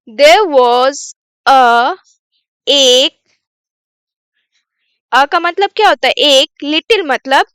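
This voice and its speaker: High-voiced woman teaching slowly, dry close sound. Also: sharp tone, dry recording. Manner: asks questions then answers them, repeats words slowly. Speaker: English teacher. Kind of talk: bilingual English reading lesson.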